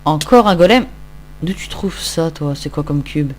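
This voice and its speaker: A man's voice: a little high, lively intonation, normal speed, slight background noise. A tired man giving casual, rambling, self-mocking commentary while he plays a game. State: tired, just woke up. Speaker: Minecraft let's-play host.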